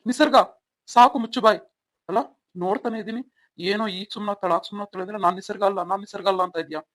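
A performer plays a young husband in a home-made audio drama, devoted but quick to flare up. He coaxes and asks over and over, then snaps. Dry, close sound with no room. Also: mid-range voice, steady tone, fairly bright tone, dry recording, natural voice. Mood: angry. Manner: coaxing, repeats questioning "hmm?". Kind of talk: amateur Kannada audio drama.

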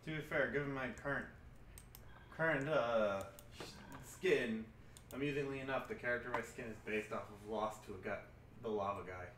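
A man streaming a game, chatting casually and thinking aloud in a halting way. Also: mid-range voice, a bit bright. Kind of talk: casual gaming livestream chat. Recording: noisy, roomy, distant mic, keyboard clicks.

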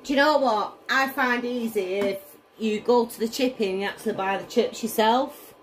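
A woman's voice: fairly high pitch, moderate pace, a little hiss or hum, poor audio. A woman with a Northern English accent chatting casually and bluntly while cooking, giggly and tipsy from drink. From northern England. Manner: blunt, chatty, exclamatory, swearing. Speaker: home cook vlogger. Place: indoors in a home kitchen.

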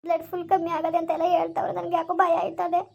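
; a woman plays a pleading young sister, rapid speech, amateur village drama. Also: very high voice, completely flat delivery, creaky, dull audio, slight background noise. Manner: pleading, anxious.

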